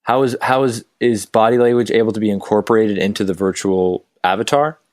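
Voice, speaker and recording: A man with a somewhat low voice, co-hosting a podcast. He asks his questions haltingly and repeats words while he works them out. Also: a little mellow. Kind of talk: casual interview questions.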